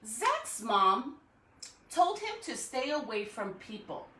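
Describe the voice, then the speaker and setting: Slightly high, sing-song and slow, her bright, forceful voice comes through a distant mic with a little background noise and roomy echo. The elementary school staff member hosts a live-streamed read-aloud, encouraging young children with frequent rhetorical check-ins and "right?" before reading a storybook.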